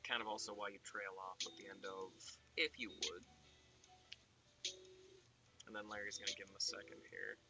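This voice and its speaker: A man thinking aloud as he writes a story, musing and halting, sometimes dropping to a soft whisper. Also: lowish voice, monotone, vocal fry, loud music behind the voice, rough recording. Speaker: writer streaming his writing. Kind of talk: casual thinking aloud while writing.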